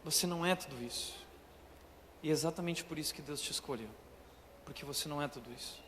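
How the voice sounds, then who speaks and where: High, bright-voiced Brazilian preacher. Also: male voice, quick pace. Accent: Brazilian Portuguese. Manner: animated, acting out quotes. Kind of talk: comedic sermon. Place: church auditorium. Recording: reverberant church hall, faint noise.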